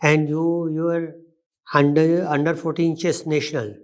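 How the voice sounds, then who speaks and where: A man with an Indian accent putting formal questions as an interview panelist, halting and often rephrasing himself. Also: on the high side, flat delivery, a little mellow. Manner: halting, repeats and reformulates questions.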